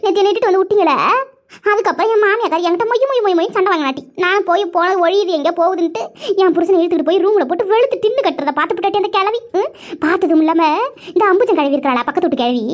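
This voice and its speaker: Shrill weepy village elder sister , woman voicing, quick and very high. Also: dull audio.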